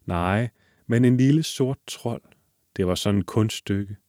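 A man reads a classic fairy tale aloud at a calm, measured pace. His voice sits low, and the recording is dry and close. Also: dry recording. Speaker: narrator.

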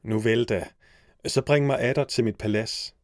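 A man's voice: medium pitch, steady tone, darkish tone, no room sound, studio quality, close to an everyday voice. A man voicing a young hero in a storybook reading, earnest and commanding. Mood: resolute. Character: young male hero, resolute.

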